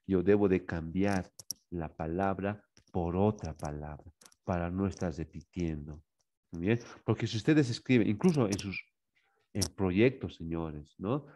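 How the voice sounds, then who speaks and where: A man's voice: lowish voice, mellow. A man with a Bolivian Spanish accent giving a classroom lecture, tagging lines with "¿no?" and "muy bien". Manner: repeats "¿no?" and "muy bien" as tags; addresses students as "señores". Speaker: teacher.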